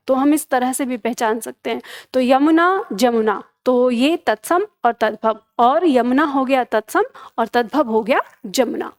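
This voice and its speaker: A woman teaching a Hindi grammar lesson for exam preparation, patiently explaining and repeating each word pair. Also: sits high.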